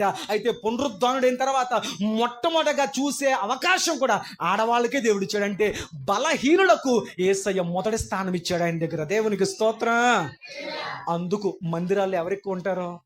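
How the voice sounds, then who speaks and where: A male pastor delivers a sermon with a notably high voice. He quizzes his listeners and climbs into fervent, near-shouted declarations. The delivery is emphatic throughout. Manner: questions the congregation, rising to impassioned shouts. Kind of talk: Easter sermon. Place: church hall.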